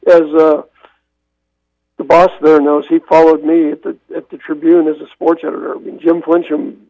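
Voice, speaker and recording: A man's voice: on the high side, little pitch movement, normal speed. An older man, a veteran newspaper man, chatting casually as a radio guest, rambling with many restarts. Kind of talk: casual radio call-in chat. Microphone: telephone. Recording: gravelly voice over a tinny phone line.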